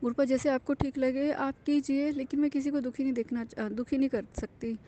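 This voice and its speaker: High, mellow-voiced woman giving earnest thanks. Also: fairly even intonation, brisk. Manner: earnest, confiding, with frequent fillers and restarts. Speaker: devotee sharing a testimony. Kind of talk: personal devotional testimony, casual.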